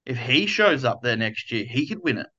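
An Australian man speaks as a podcast guest, eager and rambling as he talks. His voice sits at an ordinary pitch, and the recording sounds dull and lo-fi. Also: big pitch swings, moderate pace, pushed and bright. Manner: enthusiastic, rambling. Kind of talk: casual interview chat.

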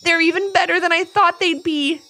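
A woman voicing an eager young boy looking forward to his birthday, excited and a little sneaky. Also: very high-pitched, normal speed, faint music behind, voice pushed up, exaggerated voice.

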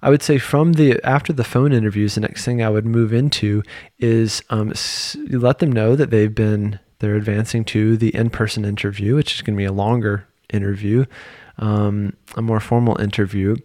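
A man's voice: lowish voice, steady tone, normal speed, darkish tone, dry recording, clean studio sound. A man hosting a podcast, talking casually and thinking aloud, with frequent fillers and restarts. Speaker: podcast host.

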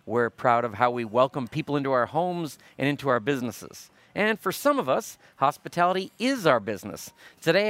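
A man hosting a radio interview show over lunch, asking friendly, lively questions. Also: medium pitch.

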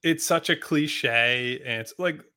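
A man's voice: medium pitch, slow, pushed and bright. A man co-hosting a sports podcast, arguing his points bluntly and emphatically, with frequent swearing and restarts. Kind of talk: casual sports debate.

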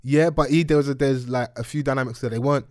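Casting: man hosting podcast banter, London roadman accent and slang, medium pitch, dry sound. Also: steady tone, fast talker, darkish tone, no echo. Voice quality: roadman slang-heavy speech. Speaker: podcast host. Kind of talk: casual chat. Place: studio.

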